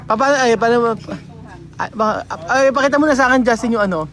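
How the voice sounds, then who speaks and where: A man's voice: very high voice, fast, fairly bright tone. A man from the Philippines vlogging in casual chat, playful and coaxing, often stopping and restarting his words.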